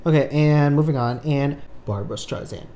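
Podcast host, medium pitch, loose hesitant chatter with lots of restarts. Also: moderate pace, warm tone, a little hiss or hum. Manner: hesitant, with frequent restarts and asides. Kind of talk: casual chat.

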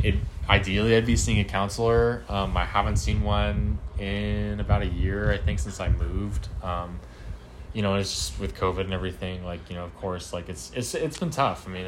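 Young man, low-pitched, halting casual answers, faint hiss in the background. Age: 20s. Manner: hesitant, many ums and restarts. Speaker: interviewee. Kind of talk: casual interview at home. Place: home apartment.

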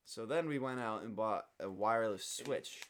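A man on a casual podcast telling a story in an animated way, swearing and getting louder as he acts out what people said. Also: fairly low pitch, normal speed. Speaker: podcast co-host.

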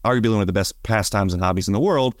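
A man's voice: fairly low pitch, very fast, dry recording, studio quality. A man co-hosting a podcast in casual chat, rambling and chatty with frequent fillers. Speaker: podcast co-host, bonsai nursery worker.

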